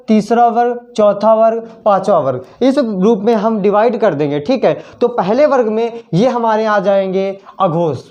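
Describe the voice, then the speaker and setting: A male teacher giving a slow classroom lesson, often repeating words while he writes on the board. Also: high voice, mellow, muffled recording. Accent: Hindi.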